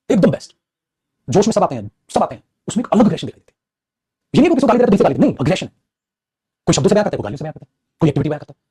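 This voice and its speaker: A man's voice: a little high, warm tone, husky, no room sound, studio quality. A man teaching English grammar in a live online class, scolding and motivating his students by turns.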